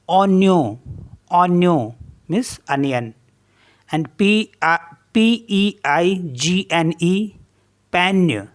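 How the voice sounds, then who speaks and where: A language teacher talks slowly and carefully, spelling each word out letter by letter before repeating how it sounds. The voice sits at a middle pitch and keeps an unhurried, deliberate pace. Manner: spells words letter by letter, then repeats the reading; slow, deliberate explanation. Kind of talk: online language lesson.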